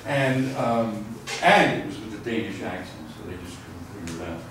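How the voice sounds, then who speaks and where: The older professor's voice sits low and sounds expressive and a bit bright, at a moderate pace, as he teaches university physics with rambling, self-interrupting anecdotes and board work on equations. The echoey chalkboard hall is captured by a distant mic with slight background noise.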